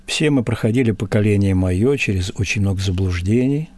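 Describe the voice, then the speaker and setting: An older man answering interview questions in a measured, solemn and unhurried way. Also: on the low side, darkish tone. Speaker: interview guest.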